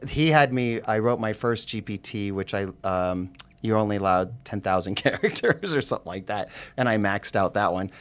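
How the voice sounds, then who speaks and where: Middle-aged man telling lively stories. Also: on the low side, moderate pace, clear, resonant tone. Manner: animated anecdote-telling with frequent fillers and laughter. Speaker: realtor guest. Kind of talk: casual storytelling on a podcast.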